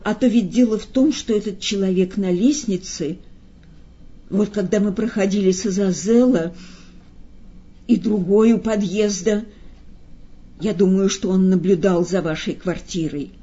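Woman doing eager young queen, husky mellow voice, bit muffled. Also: medium pitch, a little slow, pauses often. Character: curious, excitable young queen of a ball. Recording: slightly dull lo-fi sound.

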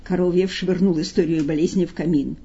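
A woman narrating an audiobook in a calm, measured storytelling manner. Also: on the low side, slightly rough. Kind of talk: audiobook reading. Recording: dull lo-fi recording.

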